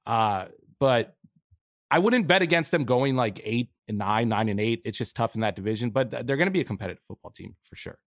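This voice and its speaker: A man breaks down football as a podcast guest, speaking at a middle pitch in a plain, matter-of-fact analytical way. The recording is close and dry, with no room sound around him. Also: lively intonation, a little fast, dry recording. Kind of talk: casual sports analysis.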